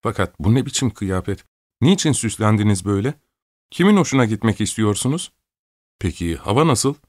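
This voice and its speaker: A man's voice: on the low side, lively intonation, a little fast, no room sound, clean studio sound. A man voicing an imperious, fussy old countess who scolds and orders people about in an audiobook. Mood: scolding. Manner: scolding, peevish, bossy. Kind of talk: audiobook character voice.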